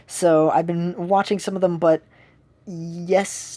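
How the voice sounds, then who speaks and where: A woman's voice: fairly low pitch, steady tone, measured pace, dark tone. A woman streamer chatting casually while she plays a game, rambling and often correcting herself. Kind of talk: casual chat while gaming.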